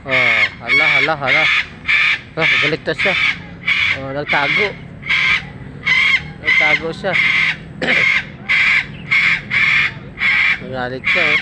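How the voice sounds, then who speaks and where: A woman vlogger talking casually to a parrot, coaxing it with high sing-song calls and coughing now and then. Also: lively intonation, measured pace, long pauses, heavy background noise.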